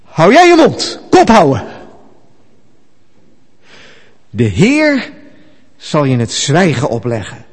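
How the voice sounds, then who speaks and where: A man voicing a furious angel who shouts commands at Satan. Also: medium pitch, moderate pace, big-room sound, close to an everyday voice.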